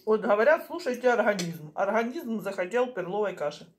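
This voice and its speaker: A middle-aged woman chatting casually in short phrases with pauses as she eats, chewing while she talks, recorded in a home kitchen. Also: medium pitch, expressive, slight background noise. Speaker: mukbang vlogger. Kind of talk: casual chat while eating. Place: small home kitchen, indoors. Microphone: camera on the table at arm's length.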